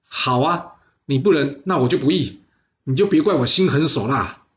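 Guy doing a hotheaded plotting noble, pushy and forceful, muffled audio. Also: medium pitch, fast, lightly acted. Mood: indignant. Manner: forceful, threatening declarations. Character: ambitious, hot-tempered scheming noble man.

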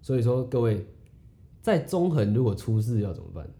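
A man's voice: mid-range voice, fairly quick. A young man with a Taiwanese Mandarin accent, telling a story in a casual podcast chat as host. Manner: rambling, animated storyteller.

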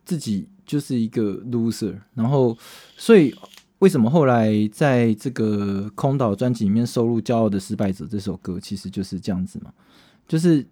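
A man's voice: medium pitch, moderate pace. A man with a Taiwanese Mandarin accent, a band singer co-hosting a podcast, telling a story in casual chat and acting out the dialogue. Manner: animated storyteller, acts out dialogue, swears casually.

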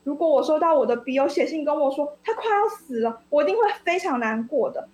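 A woman's voice: high voice, lively intonation, fast talker, a little mellow, echoey room. A woman doing a tender-hearted little storybook rabbit. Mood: tearful. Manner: tender, weepy storybook reading. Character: soft-hearted little rabbit, young and tearful.

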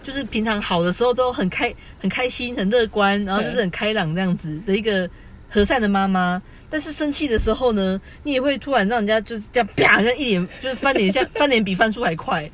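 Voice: medium pitch, a bit bright. A podcast co-host with a Taiwanese Mandarin accent, ranting in exasperated casual chat.

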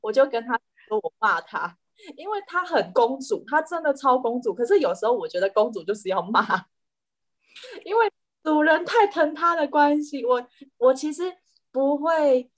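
Animated woman storyteller. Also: fairly high pitch. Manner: animated storyteller, frequent restarts. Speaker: animal communicator guest. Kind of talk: casual podcast chat.

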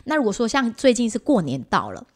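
A woman's voice: fairly high pitch, huge pitch swings, quick pace. A woman with a Taiwanese Mandarin accent, chatting casually as a co-host and explaining things through examples. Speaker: podcast co-host, parent. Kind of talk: casual conversational chat.

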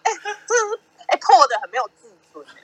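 Speaking very high and fast, a young podcast host with a Taiwanese Mandarin accent spins lively stories in a casual chat. She performs what people said and laughs a lot, all captured in poor-quality audio.

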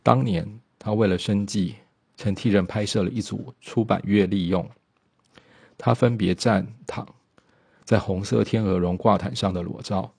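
A man narrating a biographical documentary in a steady storytelling manner, with occasional small slips. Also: lowish voice, moderate pace, creaky, slightly rough, dry recording.

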